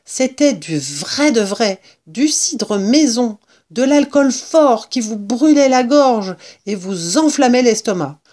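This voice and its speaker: A woman reading a children's story aloud in an expressive, measured voice. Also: a little high. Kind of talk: scripted narration of a children's story.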